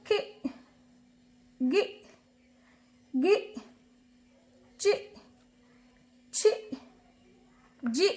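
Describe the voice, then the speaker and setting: A woman's voice: fairly high pitch, darkish tone. A young woman teaching small children, patiently quizzing them in a sing-song way with many repeated questions. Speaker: kindergarten teacher. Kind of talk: online Hindi alphabet lesson for small children.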